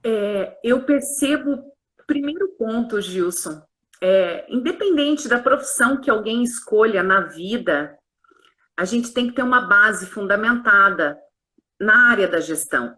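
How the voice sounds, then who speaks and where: Bright-voiced woman explaining earnestly. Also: mid-range voice, animated, measured pace. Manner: earnest, explanatory, uses tag questions. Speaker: pharmacist and consultant, guest. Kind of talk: explanatory live-stream conversation. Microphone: online live stream.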